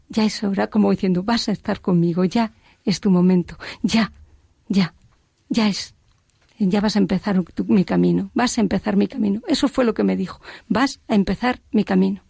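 A woman's voice: mid-range voice, creaky, mellow, dry recording, studio quality. A middle-aged woman giving an earnest personal faith testimony, repeating phrases for emphasis. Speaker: religious sister giving testimony.

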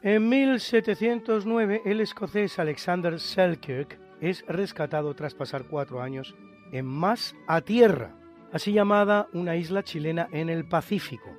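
A man's voice: sits high, a little slow, soft background music. A male radio presenter reading a scripted history almanac, announcing dates and facts.

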